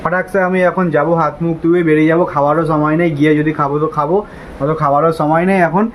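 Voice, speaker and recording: A man's voice: fairly high pitch, fairly even intonation, rapid-fire, slight background noise. A young man from Bengal chatting casually to his viewers in a daily vlog. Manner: chatty, addresses viewers directly. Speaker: vlogger.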